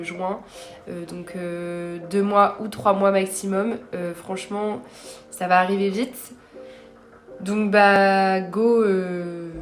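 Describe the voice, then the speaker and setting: A young woman vlogging in a casual, chatty way, rambling and poking fun at herself, recorded on a phone camera. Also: medium pitch. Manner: chatty, self-deprecating, rambling. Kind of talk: casual vlog chat.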